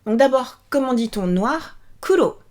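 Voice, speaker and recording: A woman's voice: high voice, animated, darkish tone. Cheerful young woman teaching vocabulary. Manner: cheerful, repeats words slowly and clearly. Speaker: Japanese language teacher. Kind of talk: upbeat video lesson.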